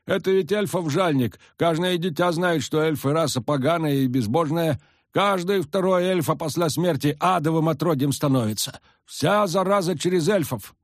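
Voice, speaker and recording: Storybook peasant elder, pushy and superstitious, rustic talk, high strained voice, a man putting him on. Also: moderate pace, no room sound, studio quality, lightly acted. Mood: insistent. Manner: rustic folksy speech, insistent.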